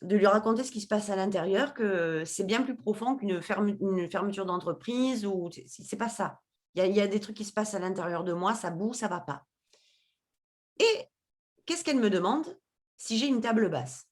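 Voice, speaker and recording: A woman's voice: medium pitch, lively intonation, normal speed. A woman tells a personal story as a podcast guest. She talks expressively, slipping into the voices of the people in her story as she acts out their conversations.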